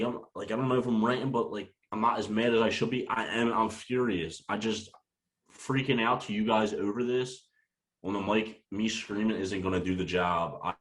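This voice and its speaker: A man's voice: lowish voice, fairly bright tone, low-quality recording. A young man co-hosting a sports podcast, ranting heatedly and cursing a lot as he runs down his team. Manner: heated, profane, rapid-fire ranting. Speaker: podcast co-host.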